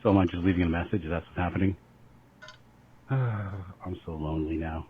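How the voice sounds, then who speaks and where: A man's voice: low-pitched, fairly even intonation, normal speed, husky, no echo. A man leaving a casual, offhand voicemail over a landline phone, sighing in mock loneliness. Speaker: voicemail caller. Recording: tinny phone line with faint hiss.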